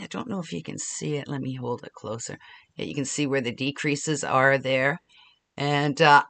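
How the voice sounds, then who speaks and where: A woman's voice: low voice, bright, forceful tone. An older woman chatting casually in a craft vlog, upbeat and full of hesitations. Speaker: crochet vlogger.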